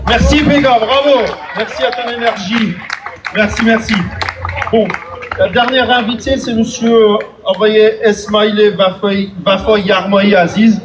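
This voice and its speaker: A man's voice: sits high, steady tone, unhurried. A man acting as master of ceremonies at a rally, informally thanking and introducing speakers. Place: outdoor demonstration, amplified mic. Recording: crowd noise over outdoor PA.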